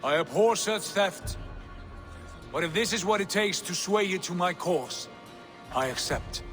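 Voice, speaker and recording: A man's voice: high-pitched, lively intonation, unhurried, fairly bright tone. A man playing a proud, fiery Viking prince in a video game, giving commanding, formal speeches to his clan. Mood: stern. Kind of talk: dramatic video game cutscene oratory. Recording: long reverberant hall, music behind.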